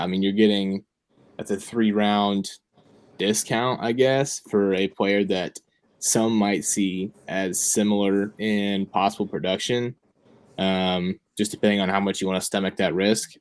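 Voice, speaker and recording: A young man with a fairly low voice talks through his picks in casual chat. He rambles and thinks aloud, dropping plenty of ums and likes as he goes. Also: clean tone. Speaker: fantasy football podcast co-host.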